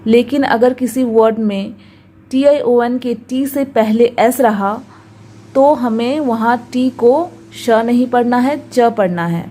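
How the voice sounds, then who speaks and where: Woman teacher with a Hindi accent, soft mellow tone, slightly high pitch, slow drilled delivery, faint background hiss. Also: rough recording. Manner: slow, careful, repeats words for drilling. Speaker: English pronunciation teacher. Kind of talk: YouTube pronunciation lesson.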